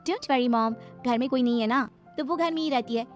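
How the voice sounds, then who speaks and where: A woman's voice: high voice, a little fast, faint music behind, natural voice. A woman voicing a breezy, fashionable young daughter-in-law who mixes in English words. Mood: caring. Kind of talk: animated storybook voice acting.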